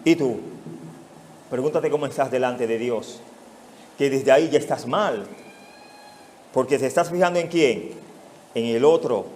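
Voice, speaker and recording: A man's voice: medium pitch, measured pace, pauses often, darkish tone, slight background noise. A male pastor with a Mexican Spanish accent preaching an expository sermon, putting rhetorical questions straight to his congregation.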